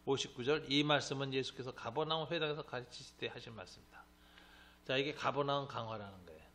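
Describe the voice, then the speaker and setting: A man teaching a Bible class as a pastor, lively and joking, acting out the voices of the people he quotes. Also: mid-range voice, fast talker, slight background noise. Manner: animated, acts out quoted voices, joking asides.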